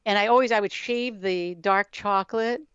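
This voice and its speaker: Middle-aged woman guest, smooth resonant voice, thoughtful explaining tone, slightly muffled dry recording. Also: mid-range voice, normal speed, a bit bright, dry recording. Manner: reflective, explanatory, laughs easily. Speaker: yoga scientist guest. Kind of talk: conversational podcast interview. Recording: dull lo-fi dry sound.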